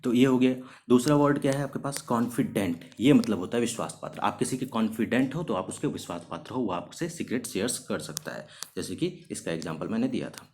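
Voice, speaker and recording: Animated and a little mellow, a man's medium-pitched voice leads a recorded video lesson on English vocabulary. He moves through each word step by step, mixing English terms into Hindi, answering questions he raises himself, and slowing sharply to read example sentences.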